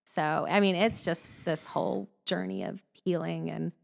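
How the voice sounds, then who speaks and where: A woman's voice: fairly low pitch, sing-song, normal speed, vocal fry. A woman guest on a podcast, talking openly and reflectively in casual chat, laughing often.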